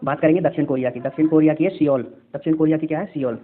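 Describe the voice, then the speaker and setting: Quick chatty male teacher, tinny audio. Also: on the high side, steady tone. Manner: repeats answers as quiz questions, chatty. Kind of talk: exam-prep lesson with memory tricks.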